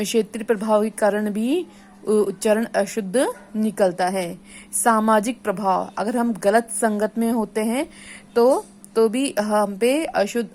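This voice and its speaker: A woman's voice: medium pitch, darkish tone. A woman from India, an assistant professor giving a classroom lecture to teacher trainees, stating each point and then repeating it in simpler words. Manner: explains each point, then repeats and restates it in plain terms.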